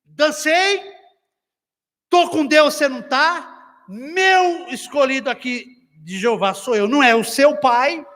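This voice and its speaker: A man's voice: very high voice, slow, a bit bright, long reverb tail, voice pushed up, exaggerated voice. A man preaching acts out a defiant, boastful king who answers his wife with a raised voice.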